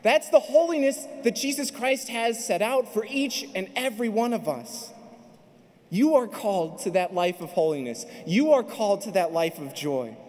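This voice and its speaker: A man's voice: high voice, lively intonation, moderate pace, a little mellow. A man in his thirties, a priest delivering a fervent sermon at a pulpit mic in a large arena. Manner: fervent, building to emphatic peaks. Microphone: stand mic at pulpit. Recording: long arena reverb.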